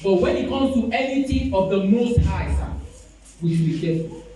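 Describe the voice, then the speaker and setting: A man preaching a sermon to his congregation, pleading and repeating himself with slow emphasis. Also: high voice, animated, warm tone, slight background noise. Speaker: apostle preaching. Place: church. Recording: echoey church hall, distant mic, faint music.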